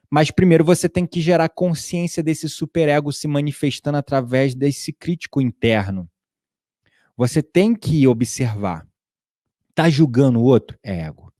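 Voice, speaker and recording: A man with a Brazilian Portuguese accent giving a casual teaching talk, animated and acting out his inner dialogues. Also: on the high side, no room sound, clean studio sound. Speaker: spiritual teacher.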